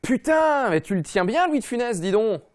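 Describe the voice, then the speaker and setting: A man hosting a comedy football show, ranting in a mocking, slangy, rapid-fire way. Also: very high voice, big pitch swings, a faint crowd, a little hiss or hum. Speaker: comedy football podcast host. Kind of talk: fast comic rant.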